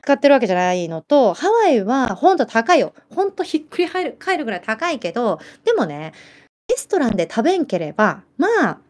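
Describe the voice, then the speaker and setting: A woman with a Kyushu accent chatting casually as a livestream host, lively and laughing often while answering viewer comments. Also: on the high side, brisk. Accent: Kyushu Japanese. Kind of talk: casual chat.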